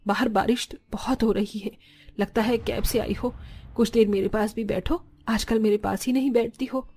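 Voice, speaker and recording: A woman's voice: fairly high pitch, steady tone, normal speed, dark tone, a little hiss or hum, close to an everyday voice. A woman voicing a middle-aged mother-in-law in a dubbed cartoon, talking in a plain, earnest, conversational way. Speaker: voice actor.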